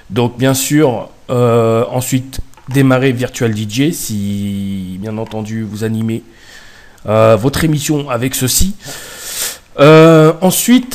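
A man from France walking through a software setup in a casual tutorial, with frequent hesitations and self-corrections. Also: medium pitch. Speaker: tutorial host.

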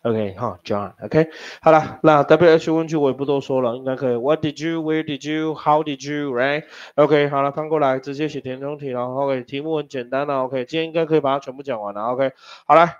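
A man's voice: medium pitch, a little fast, smooth. A man teaching an English class, teasing his students and spelling words out letter by letter. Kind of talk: classroom lesson. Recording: dull lo-fi classroom recording.

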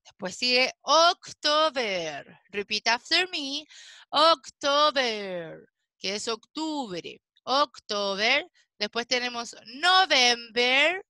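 A woman teaches an English class to children over a video call, speaking patiently, checking in with them often, and slowing way down to model each English word. Her voice is a little high with lively intonation and a sharp tone, and there's no room sound.

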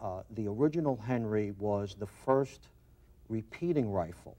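On an indoor TV studio set, a middle-aged man who owns a company talks casually in an interview, his Brooklyn, New York accent clear. He has a lowish, dark-toned voice with lively intonation and a slightly slow delivery, recorded on a lapel mic.

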